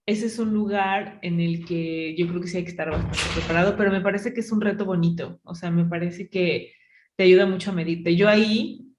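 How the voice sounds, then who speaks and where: A woman's voice: fairly low pitch, fairly even intonation, a little fast, a little mellow, roomy sound, slight background noise. A woman with a Mexican accent hosting a podcast, chatting casually and filling her story with "o sea" and "¿no?". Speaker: podcast host. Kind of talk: casual chat.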